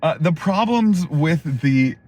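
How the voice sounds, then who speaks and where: A man's voice: on the high side, animated, takes it slowly, a little mellow. A man hosting a casual car review, talking as he drives a pickup truck, with lots of fillers like "like" and "you know". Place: inside a pickup truck while driving. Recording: road and engine noise in a moving truck.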